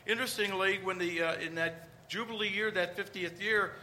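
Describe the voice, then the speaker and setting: A man's voice: sits high, fairly even intonation, moderate pace, pushed and bright, a little hiss or hum. A man preaching a conversational homily, with rhetorical questions and emphatic points.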